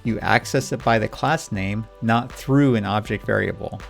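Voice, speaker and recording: Gravelly-voiced male coding instructor. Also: on the low side, moderate pace, soft background music. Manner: patient, Socratic questioning. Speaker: programming instructor. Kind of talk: scripted coding lesson dialogue.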